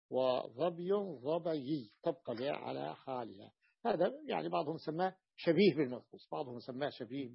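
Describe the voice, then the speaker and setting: A male teacher explains a grammar lesson and drills each word form with patient repetition. His voice sits a little high, with a gravelly and husky grain. The recording is dull and lo-fi.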